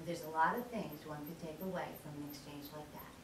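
A middle-aged woman giving a storytelling lecture as guest speaker, animated and often checking in with the audience by asking "okay?". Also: deep voice, fairly quick. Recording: echoey hall, distant mic, background noise.

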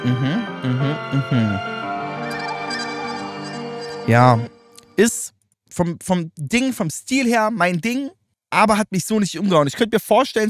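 A man's voice: a little high, dry recording, studio quality. A man giving loose, slangy reaction commentary, chatting and laughing often. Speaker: streamer reacting to rap videos.

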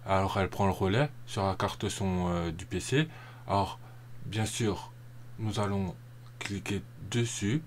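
A man narrating a software tutorial over a screen recording, casual and rambling, often hesitating and repeating himself. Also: deep voice, measured pace, slight background noise.

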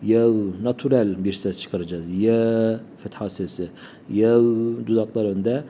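A man teaching Quran recitation, calmly explaining pronunciation and demonstrating sounds slowly. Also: fairly low pitch, a little hiss or hum.

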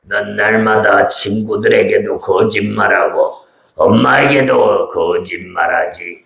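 A gravelly, bright-edged devil puppet, played by a man, slow and taunting, full of cackles. It rings through an echoey church hall with faint music underneath. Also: on the low side, fairly even intonation, exaggerated voice. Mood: gloating. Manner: taunting, cackling, shrieks when struck. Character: sneering male lying devil puppet, bullying and boastful. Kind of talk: children's church puppet show. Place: church hall, live show.

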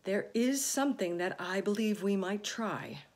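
A woman's voice: medium pitch, measured pace, natural voice. A woman voicing a thoughtful, hesitant young boy. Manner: hesitant, careful.

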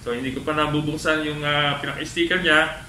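A man talking through a cloth mask, reviewing a helmet in a casual vlog with many halting filler pauses. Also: fairly high pitch, steady tone, sharp tone, slight background noise. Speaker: vlogger. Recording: echoey room with faint ambience.

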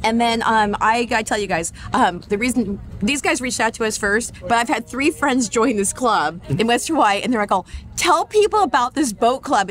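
A woman's voice: a little high, low-quality recording. A woman hosting a local vlog, interviewing business owners in a casual, upbeat way with plenty of ums. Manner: upbeat, chatty, many ums. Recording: camera audio with steady background noise.

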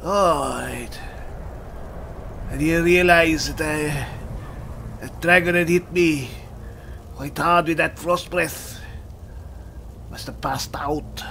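Slow, creaky barbarian adventurer, played by a man. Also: on the high side, pushed and bright. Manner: halting, exclamatory, role-playing as a barbarian. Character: boisterous male barbarian adventurer eager to fight. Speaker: player and host of a role-play gaming series. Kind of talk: in-character video game commentary. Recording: clear background noise, game ambience.

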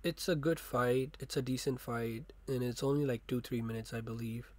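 A man talks through a casual review in a loose, rambling way, stopping and restarting often. His voice sits at an ordinary middle pitch for a man. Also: fairly even intonation, normal speed, no room sound. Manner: rambling, many fillers and restarts.

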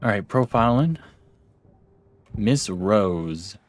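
Laid-back gamer talking low. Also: male voice, expressive, extremely slow. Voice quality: laid-back, chatty, thinking aloud. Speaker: let's play host. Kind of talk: casual gameplay commentary.

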